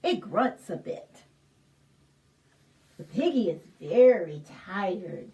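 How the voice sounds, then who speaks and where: At a children's library storytime, a woman reads a picture book aloud to young children in an expressive, sing-song way, asking them questions. Her voice is medium-pitched and slow, recorded from a distance from the microphone.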